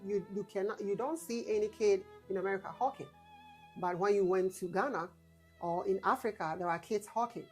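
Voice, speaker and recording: A woman interviewing casually, encouraging and often rephrasing her questions as she goes. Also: medium pitch.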